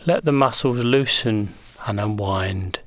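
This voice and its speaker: A man leading a guided progressive muscle relaxation in slow, gentle, soothing instructions. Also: fairly low pitch, no room sound.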